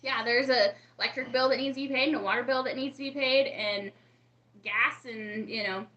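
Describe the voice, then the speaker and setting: Casting: woman live-streamer, bright and a touch high, easy chatty delivery, roomy echoey home room. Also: fairly quick, highs cut off. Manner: chatty, reads and greets viewers from the chat. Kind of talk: casual live-stream chat. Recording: roomy echo.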